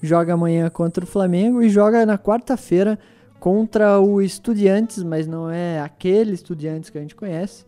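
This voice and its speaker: A man gives opinionated views in a casual football debate. He speaks deliberately in a mellow, dark voice. Faint music plays behind him. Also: sits high. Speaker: panelist.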